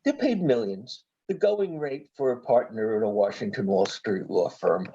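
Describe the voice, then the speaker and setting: A man's voice: lowish voice, lively intonation, normal speed, background noise. A man speaking on an online group voice chat whose connection keeps breaking up, pressing his points with pointed questions. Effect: dropping online voice-chat audio. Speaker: guest. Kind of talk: casual panel discussion. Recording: dull lo-fi call audio.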